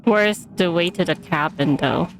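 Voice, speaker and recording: A woman's voice: lowish voice, measured pace, slight background noise, low-quality recording. Giggly woman commenting on gameplay. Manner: giggly, chatty, thinks aloud. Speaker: game streamer.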